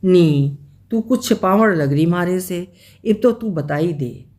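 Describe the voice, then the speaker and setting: A man's voice: high-pitched, lively intonation, slow pace, darkish tone. A reader doing a stubborn, pestering king. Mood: insistent. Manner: pleading, insistent.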